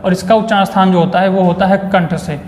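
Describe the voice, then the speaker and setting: A man's voice: sits high, fairly even intonation, fast talker, a little mellow. A man teaching an online Hindi exam-prep class, repeating each question and answer to his students with upbeat cheering. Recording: echoey room with long reverb.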